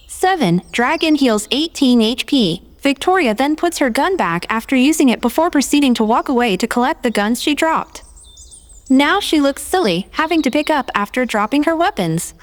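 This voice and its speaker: A woman's voice: high-pitched, big-room sound. A woman reading scripted third-person narration and character dialogue as a player in a tabletop game replay.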